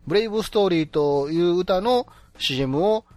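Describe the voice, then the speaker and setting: A man hosting a casual chat show, relaxed and wrapping up the episode. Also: high-pitched, a little fast, no room sound. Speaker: podcast host.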